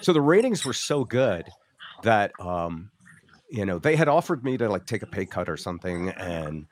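Animated lower-voiced American man telling stories. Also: normal speed, a little hiss or hum. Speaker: former morning radio host. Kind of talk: casual reminiscing on a group call. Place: video call.

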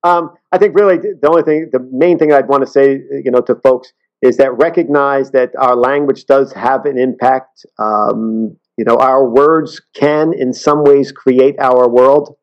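A man talking as an interview guest, earnest and halting, often restarting his sentences. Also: medium pitch, highs cut off. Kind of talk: casual interview talk.

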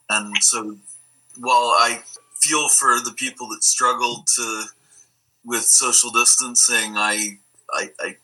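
A man giving casual interview answers haltingly, often repeating words. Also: on the low side, bright, forceful tone, rough recording.

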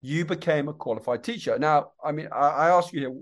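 A male podcast interviewer with a voice pitched a little above average. He speaks in a conversational style, affirming what he hears and often repeating his words and phrases. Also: fairly quick.

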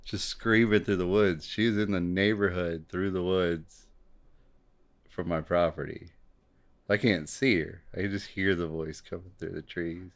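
A man's voice: low voice, steady tone, unhurried. A male podcast co-host telling a story in casual chat, laid-back, laughing often and swearing casually.

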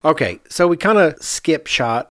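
An architect hosting a podcast chats casually, pressing his points emphatically and tossing out rhetorical questions. His voice sits on the high side, lively and a bit bright, delivered unhurriedly in dry, studio-quality sound.

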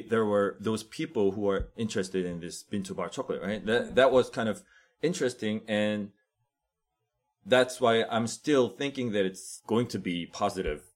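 A Korean-accented man answers in English as a guest, pausing often while he finds his words. His voice sits a little low. He speaks English as a second language, Korean being his first. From South Korea. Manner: halting, searching for words. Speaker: chocolate shop owner, guest. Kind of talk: interview answers.

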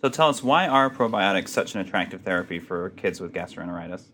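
A man interviewing a doctor, a medical fellow asking brisk, friendly questions. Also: low-pitched, expressive, fairly bright tone, slight background noise.

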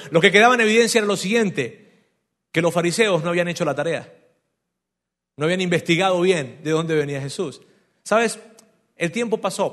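Animated pastor preaching. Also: male voice, sits high. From Venezuela. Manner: animated storytelling, acting out voices, direct questions to listeners. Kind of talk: sermon.

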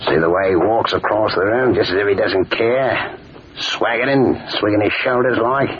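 A man's voice: fairly low pitch, moderate pace, natural voice. A man playing a jovial, boastful master thief who talks heartily and swaggers. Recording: dull old radio recording, faint hiss.

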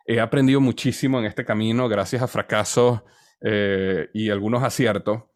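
A man's voice: lowish voice, fairly even intonation, moderate pace, dry recording, clean studio sound. A man in his forties with a Venezuelan accent, a podcast guest telling his story in a conversational, hesitant way, often repeating words as he searches. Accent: Venezuelan Spanish. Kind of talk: conversational interview answer.

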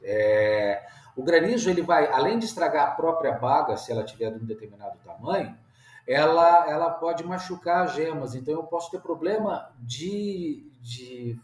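A man's voice: on the high side, lively intonation, moderate pace, reverberant. A man, a winegrower guest talking casually, plainspoken and repeating words as he thinks. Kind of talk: casual interview chat.

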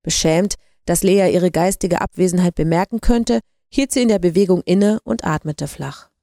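A woman reading a story aloud in an even, measured way. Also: lowish voice, dry recording, studio quality. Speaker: narrator. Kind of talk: audiobook narration.

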